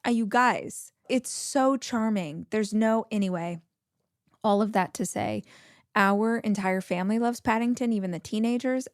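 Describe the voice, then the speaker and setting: An enthusiastic woman in her forties chats through a solo podcast episode in a bubbly, friendly way. Her voice sits in a middle pitch, and the close recording has no room sound around it. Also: a little mellow, no room sound. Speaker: podcast host. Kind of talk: casual solo podcast talk.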